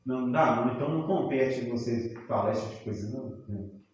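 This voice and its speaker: A Brazilian man preaching a teaching sermon, talking with the congregation in a conversational way, asking them questions and sometimes rising to a shout. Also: mid-range voice, brisk, lo-fi sound. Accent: Brazilian Portuguese. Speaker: pastor. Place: church hall. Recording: very echoey church room.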